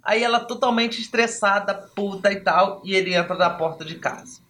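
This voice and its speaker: A man hosting a podcast who tells a story in a lively way and acts out the dialogue. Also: sits high, normal speed. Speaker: podcast host and trainer. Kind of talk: storytelling talk.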